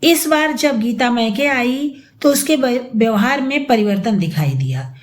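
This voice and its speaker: A woman narrating a dramatic audiobook story in an expressive storytelling manner. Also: a little high, a little slow.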